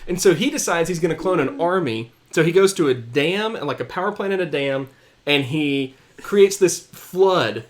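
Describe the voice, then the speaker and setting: A man's voice: on the high side, expressive, normal speed. A man, probably in his thirties, chatting casually and enthusiastically as a fan co-hosting a live show. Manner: enthusiastic, fannish.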